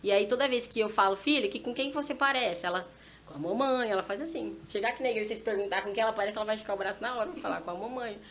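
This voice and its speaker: A woman in her thirties, a mother telling a lively personal story as a podcast guest and acting out her conversations with her small daughter. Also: mid-range voice, rapid-fire, a little hiss or hum. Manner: animated, acts out dialogue with her child. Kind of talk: casual storytelling testimony. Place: church podcast setting.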